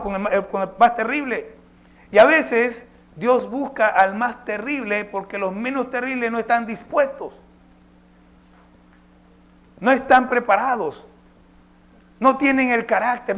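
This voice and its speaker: A man's voice: extremely high pitch, a bit bright. A male pastor preaching a sermon, emphatic and posing rhetorical questions to his congregation.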